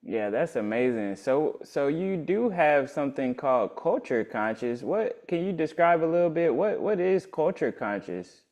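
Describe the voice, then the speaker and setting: A man's voice: on the high side, sing-song, normal speed, hardly any pauses, a little mellow. A man hosting a casual interview, laid-back and enthusiastic, with frequent affirmations. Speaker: interview host.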